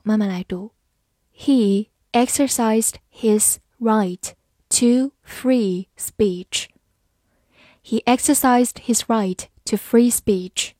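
A woman teaching English vocabulary in a scripted lesson, spelling each word out letter by letter and reading example sentences slowly. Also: medium pitch, darkish tone, no room sound, studio quality. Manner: spells words out letter by letter, slow model readings.

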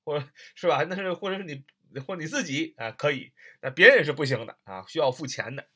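A man's voice: fairly high pitch, lively intonation, quick pace, sharp tone, husky. A man from northern China teaching an English reading lesson in Chinese, repeating phrases and spelling words out letter by letter, with many filler particles.

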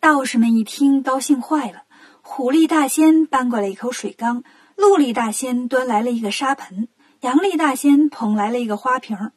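A woman narrating a children's story in a lively, animated way. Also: high-pitched, moderate pace, slightly rough.

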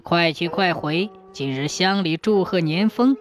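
A woman voicing a kindly old village friend who speaks low, gentle and formal. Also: measured pace, soft background music, lightly acted.

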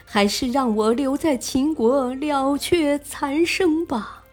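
A woman voicing a tearful old male courtier who pleads slowly to retire, in a storybook reading. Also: sits high, faint music behind, voice pushed up. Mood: remorseful. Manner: slow pleading lament.

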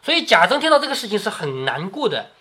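A man reads a classic novel to his daughter, stopping often to explain it in a casual, chatty way. His voice is bright and animated, with a wide pitch range. He keeps checking in with his listener as he goes. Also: quick pace. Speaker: father reading to his daughter. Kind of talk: storytelling reading with commentary.

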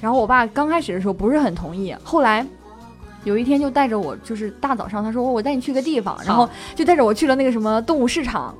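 A woman with a higher voice talks fast and casually as she tells a childhood anecdote. She strings her sentences together loosely, with plenty of fillers. Soft music plays underneath. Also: expressive. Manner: chatty, loosely told anecdotes. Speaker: radio show co-host. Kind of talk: casual chat.

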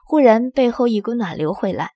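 A woman narrating an audio drama in the first person with a steady storytelling manner. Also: on the high side, a little fast, no echo.

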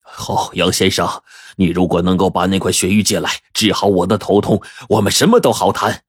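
A storyteller voicing a kindly middle-aged mill owner who speaks calmly. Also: male voice, low-pitched, normal speed, slightly rough, dry recording, clean studio sound. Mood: measured.

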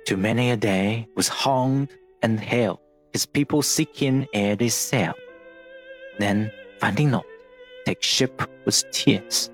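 Speaking slowly in a fairly low voice, this podcast host narrates literary history from a script. His delivery is scholarly and explanatory, and music runs under the narration.

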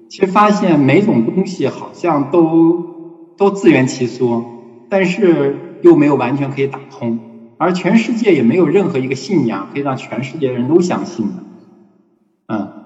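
A man's voice: mid-range voice, darkish tone. Man, telling a story in a roomy hall. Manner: unhurried, repeats words while recalling. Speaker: hospice volunteer guest. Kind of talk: conversational storytelling. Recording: roomy hall with long reverb, dull sound.

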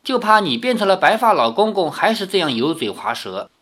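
A man voicing a shy, sweet young princess in an audiobook, pitching his voice up and teasing gently. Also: very animated, brisk, heavily acted.

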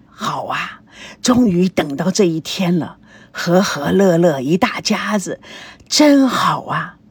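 A woman voicing a kindly old grandfather who speaks softly and slowly, half whispered. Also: fairly low pitch, lively intonation, voice pushed down, exaggerated voice. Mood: tender. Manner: soft, breathy, slow.

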